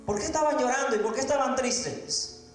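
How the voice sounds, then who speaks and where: A man preaching a sermon to his congregation, shouting at the high points and teasing the listeners with questions. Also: a little fast. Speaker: pastor. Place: church sanctuary. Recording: very echoey church hall with music.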